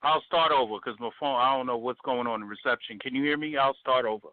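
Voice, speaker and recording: A man calling in to a talk show over a phone line, asking a question in halting bits and often starting over. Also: mid-range voice. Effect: heard over a phone line. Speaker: caller.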